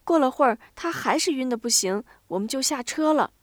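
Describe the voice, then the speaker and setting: Flustered young girl, put on by a woman, high-pitched, breathless, rushed. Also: animated, dry recording. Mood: anxious. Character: flustered young girl telling what happened.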